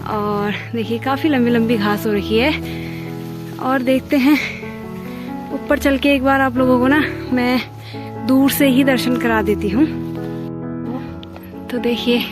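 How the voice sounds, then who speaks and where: Speaking slowly with long pauses over music, a woman with a fairly high voice from the Kumaon hills of Uttarakhand narrates a casual walking vlog. As a village vlogger strolling outdoors along hill paths and village roads, she chats with her viewers as if they were friends.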